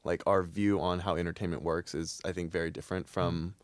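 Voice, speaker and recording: A man's voice: sits low, fairly even intonation, fairly quick, no room sound. A young man from the United States, a group member, explaining his views thoughtfully.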